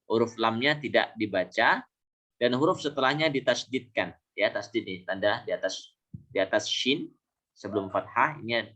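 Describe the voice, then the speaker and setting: A man teaching Arabic pronunciation in a lesson, repeating example words slowly and correcting himself with small fillers. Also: fairly low pitch, pushed and bright. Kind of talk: classroom lesson.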